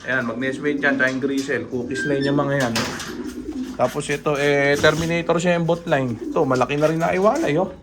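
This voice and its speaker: A man casually walking viewers through his pigeon loft as a breeder, pointing out birds with quick asides. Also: a little high, fairly even intonation. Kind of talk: casual vlog walkthrough. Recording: noisy loft with pigeons cooing.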